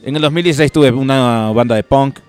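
A young man from Ecuador, chatting as a musician guest in a relaxed, rambling way full of fillers. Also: mid-range voice, brisk, smooth, soft background music. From Guayaquil, Ecuador. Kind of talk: casual interview chat.

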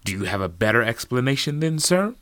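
A man's voice: medium pitch, big pitch swings, brisk, a bit bright, dry recording, voice pushed up. A man voicing a smug adult male police detective who asks clipped, demanding questions. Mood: accusing.

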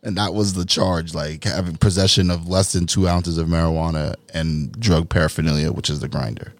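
A man's voice: deep voice, fairly even intonation, a little fast, no echo, studio quality. A man co-hosting a podcast, chatting casually with lots of profanity and easy laughter. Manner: laid-back, profane, laughs easily. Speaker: podcast co-host.

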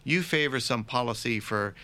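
A man co-hosting a philosophy podcast, explaining ideas in a measured way. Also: medium pitch, lively intonation, pushed and bright. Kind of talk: conversational philosophy discussion.

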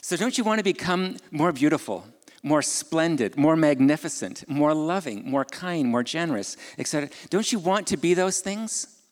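A man's voice: on the high side, animated, moderate pace. Man preaching a sermon in a reverberant hall. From Ukraine. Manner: conversational preaching with rhetorical questions and asides. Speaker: pastor.

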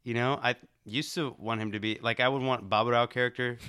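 A young man co-hosting a casual film chat, easygoing, with short agreeing replies and deadpan jokes. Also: mid-range voice, brisk, smooth, no room sound, studio quality. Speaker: podcast co-host.

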